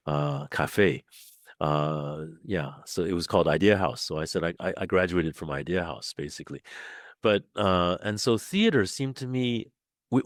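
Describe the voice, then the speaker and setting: An older man from Taiwan talks in a very low, deep voice, feeling his way through his thoughts with frequent repeats and restarts. The sound is dry and close, with no room around it. He keeps a relaxed, conversational pace. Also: dry recording. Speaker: guest playwright and director.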